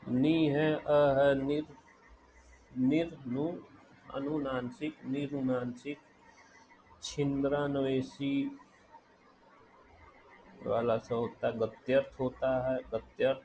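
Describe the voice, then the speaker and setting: A man teaching a spelling lesson, dictating words slowly and repeating each one deliberately. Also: mid-range voice, little pitch movement, mellow, slight background noise, rough recording.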